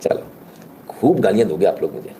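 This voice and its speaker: A middle-aged man hosts a live stream, chatting straight to his viewers with biting sarcasm and mock praise. His voice is mellow and a little dark, at a middling pitch. Faint background noise sits under the recording. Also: very animated, brisk. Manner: mocking, sarcastic, chatty, addresses viewers directly.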